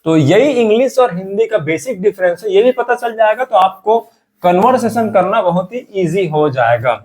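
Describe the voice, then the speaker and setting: Man, english teacher, fairly high voice, repetitive drilling, classroom lesson. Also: lively intonation, moderate pace, darkish tone. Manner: repetitive, drilling example sentences.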